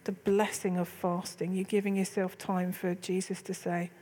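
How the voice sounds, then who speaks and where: A woman's voice: lowish voice, flat delivery, moderate pace, mellow, slight background noise. Woman, middle-aged church leader, chatty and candid, host of a casual faith talk.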